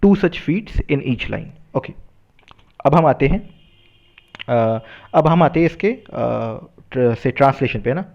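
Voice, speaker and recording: A man teaching a poem, explaining in a mix of two languages, with many fillers and tag questions, reading verse lines slowly. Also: medium pitch, animated, vocal fry, darkish tone, lo-fi sound. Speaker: literature teacher. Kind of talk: poem lesson mixing Hindi and English.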